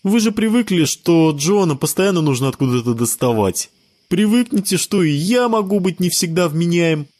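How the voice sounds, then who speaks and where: A man voicing an excitable, defensive ten-year-old boy with a whiny manner in an audio story. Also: a little high, moderate pace, pitched above the performer's own voice, natural voice.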